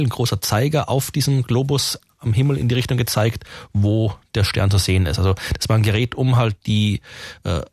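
A man's voice: on the low side, darkish tone, slightly rough, no echo, clean studio sound. A man who is an astronomer and science writer, a guest on a radio show, explaining at length while hedging and restarting his sentences. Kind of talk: conversational radio interview. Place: radio studio.

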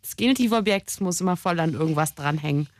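A woman's voice: fairly low pitch, animated, fast talker, no room sound. Chatty woman radio host, teasing and playful, lots of ums, dry close sound. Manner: playful, teasing, rambling with fillers. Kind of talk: casual radio chat.

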